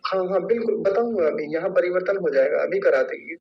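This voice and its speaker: Male teacher in an online lesson, slightly high voice, spells out syllables slowly; distant, muffled mic. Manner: slow, drawn-out syllable-by-syllable demonstration. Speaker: Sanskrit pronunciation teacher.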